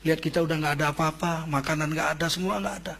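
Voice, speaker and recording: A man's voice: a little high, fairly even intonation, rapid-fire, gravelly, fairly bright tone, slight background noise. A pleading, devoted wife, as a male preacher puts her on. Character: devoted, worried wife of a sick prophet.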